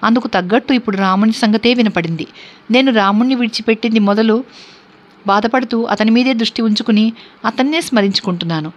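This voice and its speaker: A woman voicing a grieving, devoted young princess held captive, in a scripture reading, with steady, earnest recitation and a dull lo-fi sound. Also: on the high side, a little fast, lightly acted. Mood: anxious. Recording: dull lo-fi recording.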